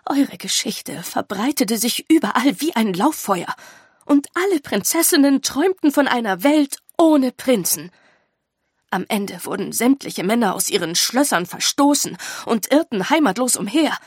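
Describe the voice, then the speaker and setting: A woman voicing a calm, grave older female teacher who explains in a measured, earnest way. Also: a little high, slightly rough, dry recording, clean studio sound, voice pushed up.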